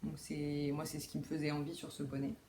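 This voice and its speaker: A woman's voice: low voice, level tone, fairly quick, warm tone, slight background noise. A young woman hosting a knitting video podcast from home, chatting casually with lots of fillers, restarts and self-deprecating asides. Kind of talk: casual chat. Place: home room with window.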